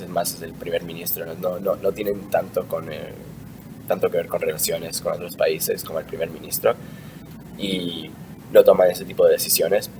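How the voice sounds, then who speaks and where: A man's voice: low voice, a little mellow. A young man from Argentina answering interview questions in a casual, hesitant way, with frequent fillers and restarts. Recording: distant mic with clear background noise.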